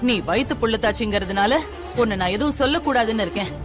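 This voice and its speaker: Brief: actress playing harsh scolding mother-in-law, commanding, music swelling loud. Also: a little high, fast talker, lightly acted. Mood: scornful. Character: stern, scornful mother-in-law, domineering. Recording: TV drama with loud background music.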